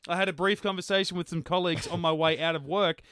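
Higher-voiced Australian man, dry close sound. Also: steady tone, fast talker, fairly bright tone, dry recording. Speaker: podcast co-host. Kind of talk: casual banter and reading listener mail.

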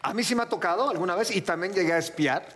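A man's voice: sits high, fast, a bit bright. A man with a Mexican accent, a podcast co-host who teases the others in casual banter. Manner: teasing, joking interjections.

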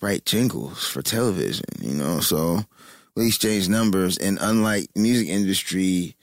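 A man guest telling a story casually, halting with many um's. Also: low voice, expressive, dry recording. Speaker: songwriter guest.

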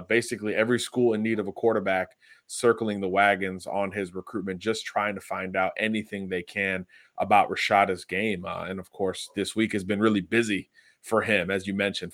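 Low-voiced man giving recruiting analysis. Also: a bit bright, no room sound, clean studio sound. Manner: confident, analytical, many "uh" fillers. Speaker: football recruiting analyst guest. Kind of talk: interview answers.

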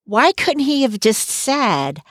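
A woman's voice: on the high side, takes it slowly, no room sound, clean studio sound. A woman co-hosting a podcast, chatting opinionatedly and laughing as she makes her points. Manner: opinionated, lively, laughs while talking. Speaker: podcast co-host. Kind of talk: casual recap chat.

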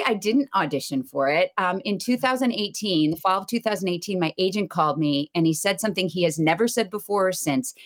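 A woman in her thirties, a stage actress, speaks as a guest in a relaxed interview. She tells her stories with lively, animated energy and acts out the quoted lines. Her voice sits slightly low. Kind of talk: casual interview storytelling.

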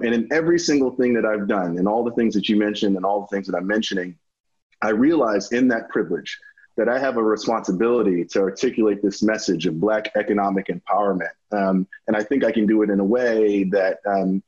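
Male founder, low and husky, deliberate talker, dull lo-fi audio. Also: a little mellow. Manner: deliberate, measured, frequent ums. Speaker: founder and CEO. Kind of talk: video-call interview answers.

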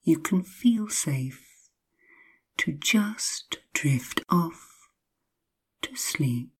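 A woman with a low, breathy voice narrates sleep hypnosis in the manner of a sleep story. Her delivery is extremely slow, with long pauses and drawn-out repeated phrases. She stays hushed and soothing, often sinking into a whisper. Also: animated.

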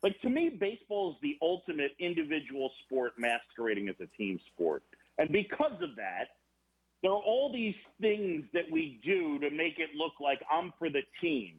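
A man, a baseball broadcaster guest on a podcast, talking in a rambling, animated way with many restarts. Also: a little high, moderate pace, husky. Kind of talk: casual podcast conversation. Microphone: phone or remote call. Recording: tinny phone line.

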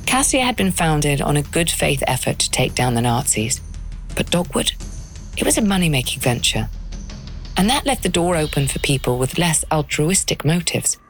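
Woman, low pitch, scripted documentary narration, podcast host, light music bed. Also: animated, normal speed.

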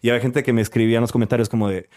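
A man's voice: mid-range voice, rapid-fire. A young Costa Rican man with a Costa Rican Spanish accent and picked-up Mexican slang, chatting as a podcast guest and acting out quotes as he tells stories. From Costa Rica. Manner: animated storyteller, acts out quotes in other voices. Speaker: guest comedian. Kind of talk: casual podcast chat.

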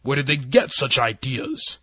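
A man's voice: medium pitch, lively intonation, moderate pace, fairly bright tone, slightly rough, no room sound, dull audio. A man voicing a furious, commanding alien male admiral with eye stalks, growling and blustering in a story reading. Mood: demanding.

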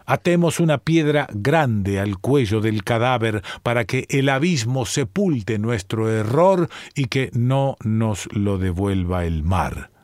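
Solemn old village elders, read by a man, slow and grave, dry close sound. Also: fairly low pitch, lively intonation, darkish tone, no echo. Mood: lamenting.

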